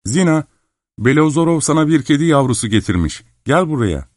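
A man's voice: low voice, lively intonation, fast talker, darkish tone, dry recording. A man reading an audiobook, voicing a fussy old princess over 60 who calls out and repeats herself. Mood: calling. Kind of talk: audiobook character voice.

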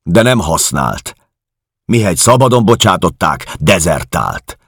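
A man voicing a hulking, bullying male officer who shouts with contempt. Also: deep voice, sing-song, breathy edge, no room sound, clean studio sound, pitched above the performer's own voice, heavily acted. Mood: angry bullying.

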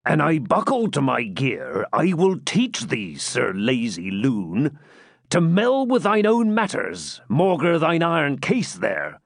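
A man voicing a brawling, boastful burly friar, speaking bluff archaic English in a raised, drawn-out voice. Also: fairly high pitch, wildly swooping pitch, vocal fry, dry recording, clean studio sound, exaggerated voice. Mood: blustering. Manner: bluff, blustering archaic speech.

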